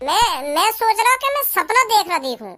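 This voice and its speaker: A performer voicing a simple-minded, excitable young village son who rambles in a rustic dialect, with a pitched-up cartoonish voice. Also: brisk, slight background noise, exaggerated voice. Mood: excited chatter.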